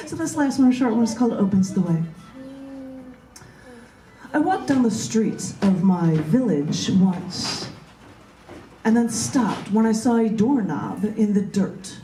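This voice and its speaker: Warm and expressive, this woman poet's mid-range voice moves at a moderate pace. She's reading her work and chatting casually at an open mic indoors in a large bookstore, recorded with a distant microphone in an echoey space.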